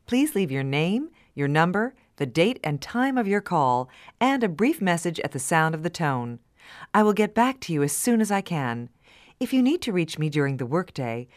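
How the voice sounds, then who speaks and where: A woman acts as a businesslike woman leaving her voicemail greeting. She is polite and measured, with a slightly low voice and animated pitch movement. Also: dry recording, studio quality.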